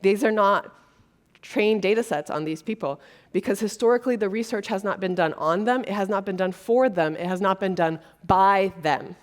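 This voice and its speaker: This is a woman from Brazil giving a keynote to a conference audience from the stage. She has a medium-pitched voice at a normal speed and talks earnestly and conversationally, with lots of fillers.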